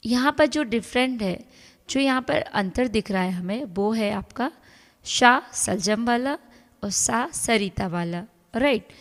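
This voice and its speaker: A woman teaching a pronunciation lesson, explaining step by step and mixing Hindi with English, often checking in with "right?". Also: a little high. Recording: long hall reverb.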